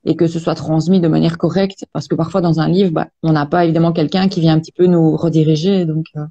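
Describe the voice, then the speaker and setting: A woman practitioner explaining energy healing in an interview, speaking calmly with many hesitations. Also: low-pitched, dull audio. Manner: calm, measured, many hesitations. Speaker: Access Bars practitioner, guest.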